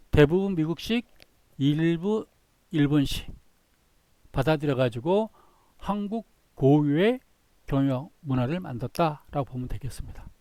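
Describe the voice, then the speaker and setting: Dry-voiced male lecturer, slightly high. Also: dark tone, no room sound. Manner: explains slides in short phrases, repeats himself. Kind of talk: recorded lecture.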